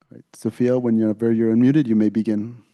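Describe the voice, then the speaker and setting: A man chairing a student council meeting, calling speakers in a relaxed, procedural way. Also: mid-range voice, fairly quick.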